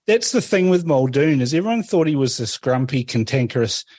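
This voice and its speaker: A man's voice: mid-range voice, lively intonation, a little fast, darkish tone, dry recording. A man hosting a talk radio interview, prompting his guest conversationally. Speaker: radio host. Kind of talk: interview questions.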